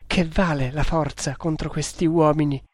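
A man puts on a frightened young woman who pleads and warns in a trembling, breaking voice. She sits a little high and lifts sharply in her despair. The reading is dry and close. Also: fairly even intonation, moderate pace, no room sound, lightly acted. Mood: fearful warning. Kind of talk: audiobook reading.

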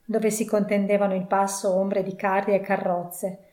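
A woman narrating a classic novel aloud in an expressive storytelling cadence. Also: mid-range voice, moderate pace. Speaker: audiobook narrator. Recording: roomy echo.

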